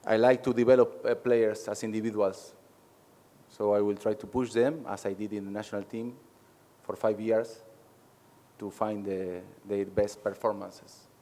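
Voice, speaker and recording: An Argentine head coach, a native Spanish speaker, answers press questions in halting English with many pauses. His voice is lowish and mellow, with a flat delivery.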